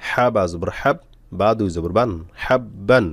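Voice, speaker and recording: A man teaching Quran reading, spelling out letters and syllables slowly with frequent pauses. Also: fairly low pitch, dry recording. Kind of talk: step-by-step spelling lesson.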